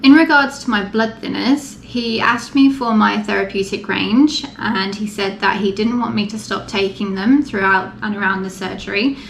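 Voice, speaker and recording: A woman's voice: mid-range voice, moderate pace, vocal fry, few pauses. A woman talking informally and matter-of-factly, explaining things step by step in a casual vlog. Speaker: vlogger. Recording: echoey room with faint background noise.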